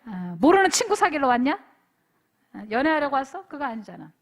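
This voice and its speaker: High, lively woman preaching to teens. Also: a little fast. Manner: animated, calls for amens; storytelling, acts out dialogue. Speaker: pastor. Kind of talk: youth retreat sermon.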